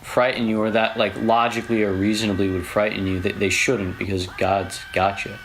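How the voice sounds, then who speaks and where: A man's voice: lowish voice, little pitch movement, fairly quick, fairly bright tone, slight background noise, rough recording. A young man in a casual faith chat on a podcast, reflective and searching for words, sometimes turning emphatic. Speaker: podcast co-host.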